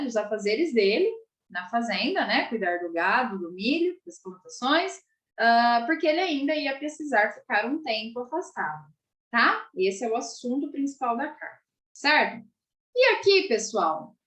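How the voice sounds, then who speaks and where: A woman's voice: high voice, a bit bright. A Brazilian woman teacher giving a patient video lesson for children, checking in with frequent tag questions and sounding out syllables. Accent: Brazilian Portuguese. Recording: echoey room.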